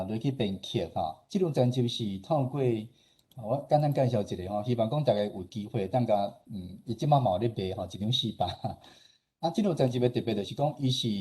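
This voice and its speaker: A radio station director and host gives an informal slide presentation in a husky, warm, lowish voice. He has a Taiwanese accent and explains things conversationally, often closing phrases with small particles that seek agreement.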